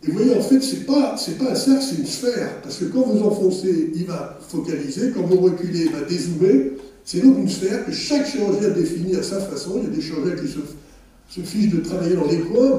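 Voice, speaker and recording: A man's voice: high-pitched, lively intonation, a little fast, dark tone. An older man, a surgeon, talking loosely through a surgical video at an academic session, with many restarts and asides. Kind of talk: live commentary on surgical video in a lecture. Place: lecture hall. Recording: roomy hall, speaker far from mic.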